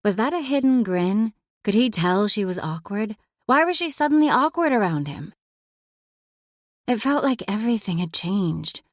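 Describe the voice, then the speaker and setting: Woman narrator, mid pitch, emotive romance read, dry close mic. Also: moderate pace, no room sound. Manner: expressive, emotive reading. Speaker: audiobook narrator. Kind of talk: scripted audiobook narration.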